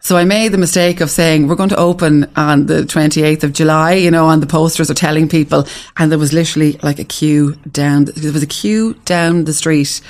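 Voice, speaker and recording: A woman's voice: sits low, steady tone, brisk, few pauses, darkish tone. Woman with a west of Ireland accent. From west of Ireland (Galway). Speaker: interview guest, restaurant founder. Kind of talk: casual conversational storytelling.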